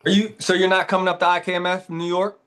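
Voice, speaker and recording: A man hosting a casual conversation, relaxed and laid-back, often saying "man" and "dude". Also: high voice, fast talker, smooth. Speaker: podcast host.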